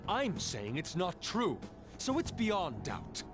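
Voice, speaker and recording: A man's voice: high-pitched, huge pitch swings, slow, vocal fry, full character voice. A man playing a proud young art student in a video game, speaking formally and theatrically like an anime rival. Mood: indignant, defiant. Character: proud young male art student, fiercely loyal to his teacher. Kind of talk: English video game voice acting. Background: game music.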